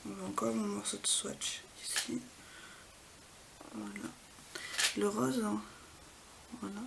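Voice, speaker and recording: A woman beauty vlogger, soft-spoken, walking through makeup swatches in a casual way at home and often dropping to a near whisper. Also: mid-range voice, steady tone, slow, creaky, noisy background. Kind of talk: casual product swatch walkthrough. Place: home apartment.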